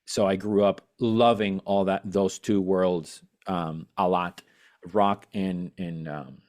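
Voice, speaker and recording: A man's voice: low voice, fairly even intonation, slow pace, a little mellow. A man from Venezuela, a musician guest on a podcast, chatting eagerly and rambling with many fillers and restarts. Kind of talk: casual interview chat.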